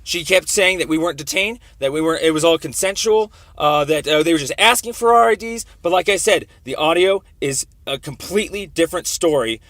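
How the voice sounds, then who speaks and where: On a phone call to police internal affairs, a man presses his complaint in an argumentative, insistent way, repeating himself and frequently cutting across the other person. His voice sits on the high side and is slightly bright, and he talks briskly with hardly a pause. The recording is dry, with no echo.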